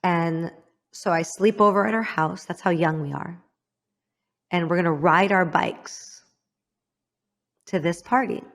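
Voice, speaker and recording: Candid woman from the Midwest, slightly low. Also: creaky. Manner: candid, halting, voice sinking low and soft at painful parts. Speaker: podcast host. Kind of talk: personal storytelling to a guest.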